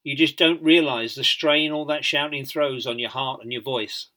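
A man's voice: medium pitch, steady tone, normal speed, bright, forceful tone, natural voice. A man doing a chatty, cautioning fellow sergeant. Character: friendly male Irish Guards sergeant major.

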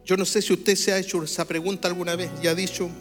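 A man preaching to a congregation in a high voice. He calls on the listeners to repeat key phrases after him. The sound rings with the long echo of a large church hall. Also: flat delivery, quick pace, faint music behind. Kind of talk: sermon. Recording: reverberant hall.

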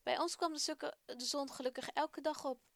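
A woman voicing a curious, eager Israelite boy in a children's radio story, asking lively questions. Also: high voice, normal speed, vocal fry, dry recording, voice pushed up. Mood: earnest.

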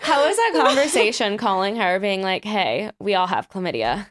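A woman's voice: mid-range voice, sing-song, moderate pace. Teasing woman host, laughs a lot, voice swings up and down. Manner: teasing, loud laughs, playful. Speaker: podcast host. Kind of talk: casual chat.

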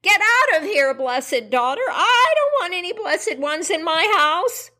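A woman voicing Baba Yaga, a menacing old witch who eats people, speaking slowly and drawing out her words, with shrieks in her anger. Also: on the low side, big pitch swings, gravelly, fairly bright tone, heavily acted. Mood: shrieking. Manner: slow, drawn-out, shrieking when angry.

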